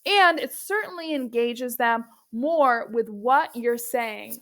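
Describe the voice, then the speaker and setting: A woman's voice: on the high side, expressive, slow. A woman presenting as a speaking coach, giving instructive video commentary addressed directly to the viewer.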